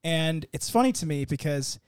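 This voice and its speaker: A man talking as an interview guest, animated and rambling, restarting his sentences. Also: on the high side, normal speed, smooth, dry recording, clean studio sound. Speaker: company founder, guest. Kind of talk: casual interview chat.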